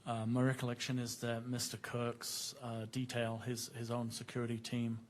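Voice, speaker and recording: A man testifying as a witness under courtroom cross-examination, measured and factual, in formal official wording. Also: mid-range voice, completely flat delivery, slight background noise. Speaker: witness, former police officer.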